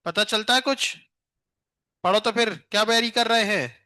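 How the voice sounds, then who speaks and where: A male teacher with an Indian accent quizzes his class in a high, sharp voice, teasing students who stand up to answer. The sound is close and dry, with no room echo. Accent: Indian English. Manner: questions students rapid-fire, teasing. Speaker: physics teacher. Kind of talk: classroom lecture with questioning.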